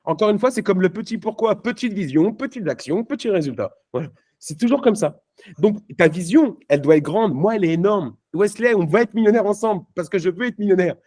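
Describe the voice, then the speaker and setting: At a live network marketing event, a man gives a punchy, emphatic motivational talk, chatting casually with the crowd in slang, full of fillers and restarts. His voice sits high and dark-toned, with lively intonation and a fairly quick pace.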